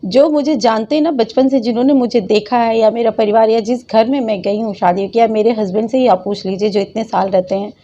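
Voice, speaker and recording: A woman's voice: fairly high pitch, steady tone, fairly quick, hardly any pauses, warm tone, highs cut off, a little hiss or hum. A woman vlogger in her thirties, talking in an emotional, devotional monologue that keeps repeating itself. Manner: repetitive, impassioned, devotional.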